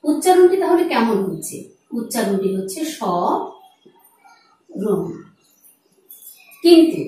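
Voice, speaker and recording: A woman teacher giving a pronunciation lesson to her students. She draws out example words slowly and calls her students friends. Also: sits high, mellow. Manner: slow, drawn-out demonstration of words. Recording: very echoey, from far off the mic.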